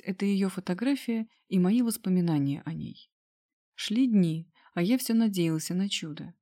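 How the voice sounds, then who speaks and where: Audiobook reader, woman, steady storytelling narration, first-person story. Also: medium pitch.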